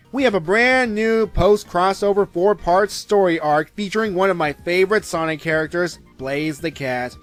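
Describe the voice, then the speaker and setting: A man with a fairly high voice reads through a comic review in a scripted way, dropping dry, sarcastic quips along the way. Soft music plays underneath. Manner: wry, sarcastic asides.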